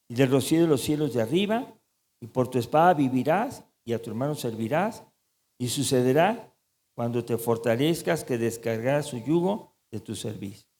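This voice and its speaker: A man preaching a sermon as pastor, animated and asking the congregation questions. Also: mid-range voice, long reverb tail. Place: church.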